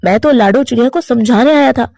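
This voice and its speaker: A woman voicing a flustered young male crow husband, defensive and quick to explain himself. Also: a little high, creaky, a little mellow, voice pushed down.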